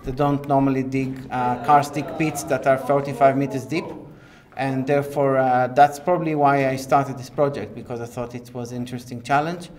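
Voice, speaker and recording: A middle-aged man, an archaeologist, explains his field project in an interview inside a cave, pausing often mid-sentence. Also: medium pitch, steady tone, darkish tone. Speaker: archaeologist leading the excavation project. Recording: cave interview with faint background noise.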